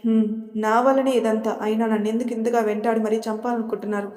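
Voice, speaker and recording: A woman's voice: a little high, flat delivery, fast talker, a little mellow, natural voice. A woman voicing a shy, emotional young woman. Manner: shy, earnest. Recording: long reverb.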